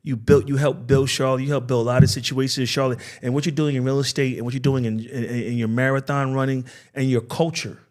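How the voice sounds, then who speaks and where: A man co-hosting a casual podcast. He talks earnestly, circling back over his words and stammering before he lands a point. His voice sits at an ordinary middle pitch. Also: level tone, fast talker, hardly any pauses, a little mellow. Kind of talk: casual chat.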